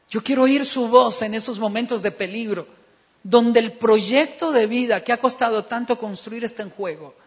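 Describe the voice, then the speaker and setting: Male preacher, dramatic sermon delivery, raspy and high, recorded dull in a big reverberant church. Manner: dramatic, acts out dialogues, builds to loud emphatic passages. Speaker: pastor.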